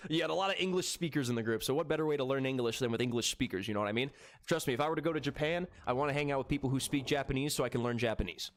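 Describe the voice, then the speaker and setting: A medium-pitched male voice talks very fast as a man in his thirties casually chats with viewers during a live gaming stream, relaxed and full of profanity.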